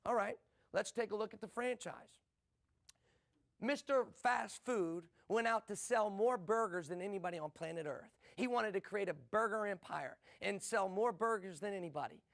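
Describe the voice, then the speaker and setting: A middle-aged man from the USA delivers a motivational business talk. His voice sits high and has a gravelly edge, and he drives his points with rhetorical questions and short repeated lines. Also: fairly bright tone. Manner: rhetorical questions and quick punchy repetition. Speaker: business speaker.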